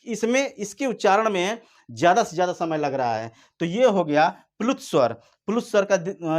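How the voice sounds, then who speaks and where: A man teaching an exam-prep lesson, explaining slowly and repeating points, drawing out vowel sounds to demonstrate them. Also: a little high. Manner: slow, repetitive explaining, drawn-out vowel demonstrations.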